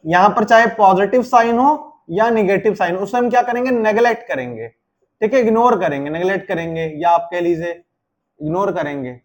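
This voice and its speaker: High-voiced man teaching chemistry. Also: normal speed. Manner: explains step by step, asks and answers his own questions. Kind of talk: classroom lecture.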